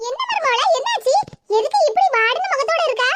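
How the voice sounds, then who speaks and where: Woman doing a squeaky bossy village mother-in-law. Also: very animated, a little fast. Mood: coaxing. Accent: Tirunelveli Tamil. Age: over 60 (figure). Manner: scolding, nagging. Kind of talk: animated cartoon dialogue. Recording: noisy cartoon audio track.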